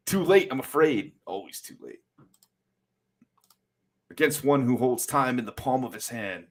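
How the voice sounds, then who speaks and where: A man's voice: mid-range voice, lively intonation, measured pace. A man voicing a grave male villain who commands time, speaking with haughty scorn while reading a comic aloud. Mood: gloating.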